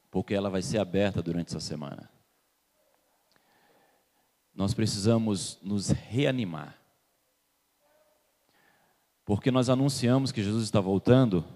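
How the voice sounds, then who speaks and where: A man from Salvador, Bahia, Brazil, whose voice is on the low side with a darkish tone, preaches in a church hall. He puts questions to the congregation and waits for their answers as a long reverb fills the room.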